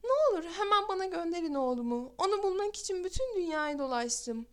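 A woman's voice: very high-pitched, expressive, a little fast. A woman voicing a grieving beggar mother in a storybook reading, pleading and tearful as she speaks. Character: grieving beggar mother searching for her son.

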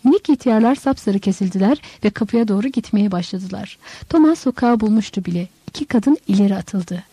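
A woman's voice: mid-range voice, expressive, brisk, dark tone, husky, no room sound. A woman narrating a dramatic novel as an audiobook. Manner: dramatic storytelling.

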